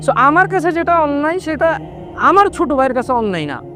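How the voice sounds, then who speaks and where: A young man preaching a sermon in an animated way, slipping English words into his talk and lowering his voice when he quotes others. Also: a little fast, faint music behind. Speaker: Islamic preacher. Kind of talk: waz sermon.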